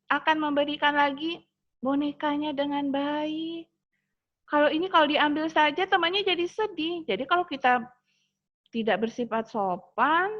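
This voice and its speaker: A woman teaching a lesson on manners to young children in a sing-song teacher voice, asking them questions. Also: mid-range voice. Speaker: kindergarten teacher. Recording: dull lo-fi home recording.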